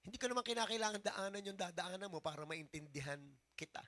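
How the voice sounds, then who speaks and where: A middle-aged Filipino man preaching a sermon as pastor, switching between Tagalog and English and swinging from soft talk to shouting. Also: sits high, animated, fast talker.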